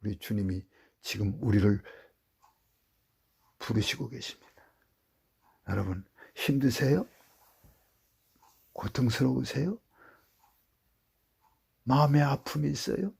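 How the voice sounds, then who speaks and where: A male pastor preaching a sermon in a church, telling stories and swinging between hushed prayer and loud appeals. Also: mid-range voice, slow pace, vocal fry, pauses often, breathy edge.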